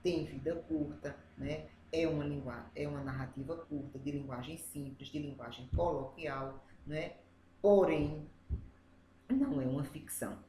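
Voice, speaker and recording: A woman's voice: sits low, fairly even intonation, a little slow, dark tone. A woman teacher with a Brazilian Portuguese accent, going through review exercises step by step and often checking in with "né?". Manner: explains step by step, often adds "né?". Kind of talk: reviewing exercises for adult students. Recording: echoey room, faint ambient noise.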